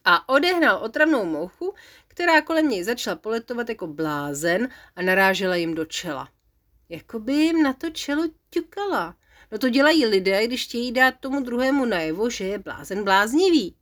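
Playful woman reading a bedtime story. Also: fairly high pitch. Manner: lively, playful, animated.

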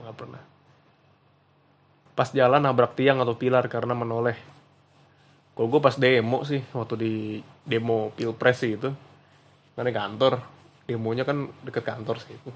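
A man's voice: mid-range voice, little pitch movement, moderate pace, long pauses. A young man hosts a podcast, telling funny stories in a casual, slangy way and laughing at himself. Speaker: podcast host. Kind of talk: casual solo storytelling.

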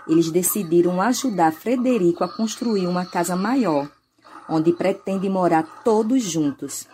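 A woman's voice: on the low side, dark tone, slight background noise. A Brazilian woman, a teacher, narrating a children's story.

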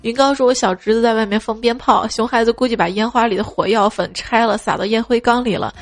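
Brief: a female host with a fairly high voice, reading comic anecdotes in a playful radio-show manner with child voices tossed in, soft music running under her. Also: fast talker. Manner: playful, slips into childlike voices for kids' lines. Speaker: host reading funny stories. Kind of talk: radio-style comic storytelling.

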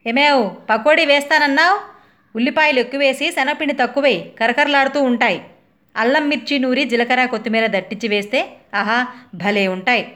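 A woman's voice: sits high, a little fast, fairly bright tone, pitched above the performer's own voice. A woman voicing a bossy middle-aged husband who orders his wife around, in a comic story reading. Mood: demanding. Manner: commanding, demanding.

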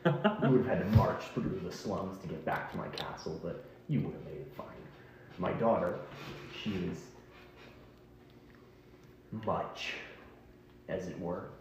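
A man's voice: deep voice, measured pace, long pauses, a little mellow, heavy reverb, slight background noise, poor audio. A man voicing a scheming king who wants to be immortal and speaks in formal, courtly phrases. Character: scheming king seeking immortality, smooth and threatening.

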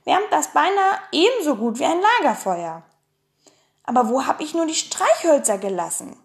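Brief: hoarse cheeky girl adventurer for a storybook, read by a woman, high, bouncy, playful. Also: big pitch swings, moderate pace, exaggerated voice. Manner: boastful, playful. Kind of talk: audiobook reading.

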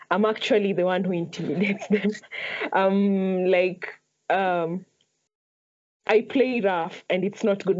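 A woman's voice: lowish voice, a little mellow, dull audio. A young woman from Kenya with a Kenyan accent, answering questions casually as a podcast guest. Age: young adult. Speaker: podcast guest, ice hockey player.

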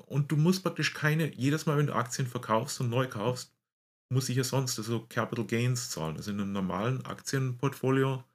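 A man's voice: mid-range voice, fairly quick. A middle-aged man with a Bavarian German accent tinged with American, explaining things casually, often searching for words and slipping into English. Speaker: guest explaining US retirement investing.

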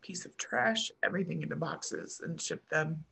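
A middle-aged American woman telling a personal story as a podcast guest, halting and restarting often with soft trailing pauses. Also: low-pitched, creaky, breathy edge. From United States.

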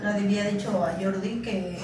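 A woman's voice: medium pitch, fairly even intonation, normal speed, noisy background. A woman joining a casual podcast chat, loose and slangy. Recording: echoey room, far from mic, chatter behind.

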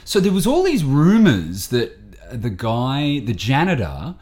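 A man's voice: medium pitch, huge pitch swings, unhurried, darkish tone. A man co-hosting a podcast, chatting casually and telling stories. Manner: storytelling, puts on voices for quotes. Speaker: podcast co-host. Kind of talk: casual chat.

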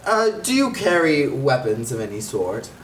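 A man playing a tabletop game, speaking with slow, wry deliberation. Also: mid-range voice, big pitch swings, reverberant, recorded from a distance, a little hiss or hum, poor audio. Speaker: player. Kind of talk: casual tabletop game chat.

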